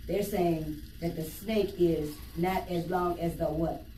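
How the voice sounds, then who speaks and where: A woman's voice: fairly low pitch, steady tone, slow pace, dark tone. A woman reading a story aloud to young children, stopping to explain it in simple words and ask them questions. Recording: roomy, distant mic, faint noise.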